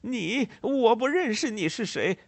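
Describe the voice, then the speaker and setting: A man voicing a greedy, bullying middle-aged landowner who shouts and blusters in a husky voice. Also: very high voice, expressive, measured pace, no echo, pitched above the performer's own voice, exaggerated voice. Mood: furious.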